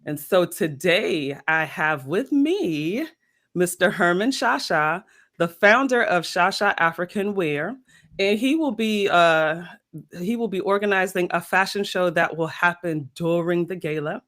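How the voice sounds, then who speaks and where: A woman's voice: fairly low pitch, expressive, measured pace, a bit bright. A woman hosting an interview, speaking earnestly and effusively about a church gala and her guest. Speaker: interview host. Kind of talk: hosted interview.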